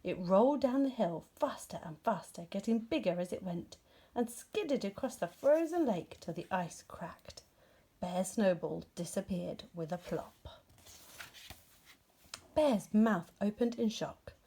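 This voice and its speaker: A woman reads a scripted children's story as a storybook narrator, telling it expressively. Her voice is mid-range and husky, and she takes her time.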